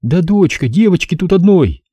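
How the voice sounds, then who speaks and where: In this audiobook, a tearful, grieving mother speaks through sobs, as a man reading the book plays her. Her trembling voice sits above his usual pitch, with a husky, mellow grain and lively swings of pitch. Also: moderate pace, no echo. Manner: sobbing, trembling speech.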